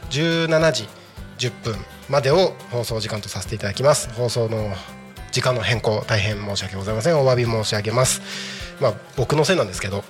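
A man's voice: mid-range voice, fairly quick, soft background music. A man hosting a live community radio show in polite, apologetic announcer patter. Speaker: radio host.

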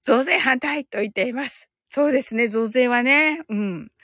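A woman's voice: high-pitched, moderate pace, fairly bright tone, no room sound, studio quality. A woman hosting a casual live audio stream, reading out listener comments and reacting with giggles and delight.

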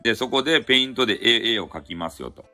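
A man's voice: mid-range voice, lively intonation, quick pace, bright, forceful tone, soft background music. A man with a Hakata dialect hosting a casual solo live audio chat, rambling and correcting himself, with chuckles along the way. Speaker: live audio stream host.

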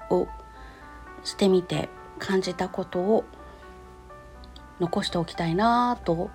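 In a personal audio diary, a woman recounts her experience in short, casual, polite phrases. Her voice is cute and anime-like, though lowish in pitch and darkish in tone.

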